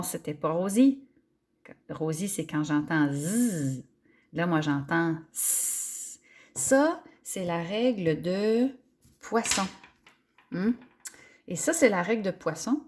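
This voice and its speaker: A woman's voice: on the low side, darkish tone. A woman, a teacher walking a child through a spelling correction lesson step by step, patiently thinking aloud.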